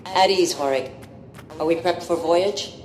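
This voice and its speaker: Commanding female pirate captain, acted by a woman, low dark voice, composed, game character, echoey. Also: a little slow, slight background noise, lightly acted. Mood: commanding, welcoming. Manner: authoritative, composed. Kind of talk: video game voice acting.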